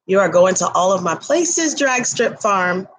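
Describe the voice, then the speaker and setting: A woman's voice: medium pitch, animated, unhurried, rough recording. A woman hosts a casual livestream from her home kitchen, greeting viewers while she eats. She talks up so a laptop mic across the room can catch her, and her tone stays easy and conversational. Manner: chatty, eats while talking; talks loudly to carry to the laptop. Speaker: livestream host.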